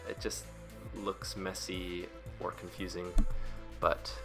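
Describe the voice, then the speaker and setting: A man giving a casual, rambling voice-over in a hesitant, self-deprecating way, with vocal fry at the ends of his phrases. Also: deep voice, monotone, takes it slowly, over music. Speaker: webcomic artist and video creator.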